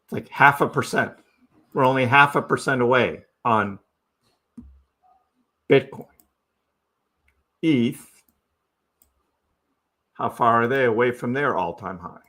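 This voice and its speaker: Slow-talking man hosting a crypto stream. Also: mid-range voice, sharp tone. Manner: chatty, asks the audience rhetorical questions. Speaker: crypto livestream host. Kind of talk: casual live chart commentary.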